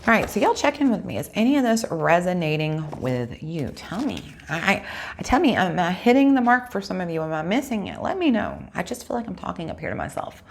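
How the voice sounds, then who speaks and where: A woman's voice: lowish voice, big pitch swings, fairly quick, gravelly, a little hiss or hum. A woman giving a casual tarot reading, chatting straight to her viewers and correcting herself aloud as she goes. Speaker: tarot reader.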